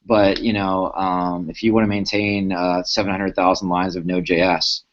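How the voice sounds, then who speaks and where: A man's voice: sits low, little pitch movement, normal speed, a little hiss or hum. A man hosting a casual tech panel, talking in a rambling, hesitant way with many fillers, on a dull lo-fi recording. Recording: dull lo-fi stream audio.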